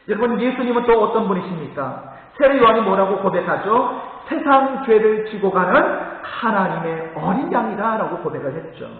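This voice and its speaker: Animated male pastor in an echoey hall. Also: high voice. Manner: animated storytelling, calls to the congregation. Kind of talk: Sunday sermon. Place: church sanctuary. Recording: echoey hall, thin phone-like sound.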